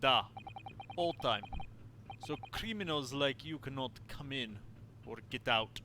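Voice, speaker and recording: A man voicing a stern male ship guard in a put-on Russian accent, speaking curt broken English slowly and emphatically. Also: mid-range voice, animated, noisy background.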